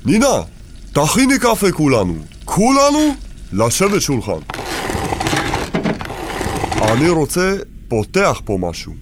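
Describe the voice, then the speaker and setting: A man's voice: on the high side, huge pitch swings, pauses often, slight background noise. An actor playing a stern, protective older immigrant father who speaks broken Hebrew, in a radio drama.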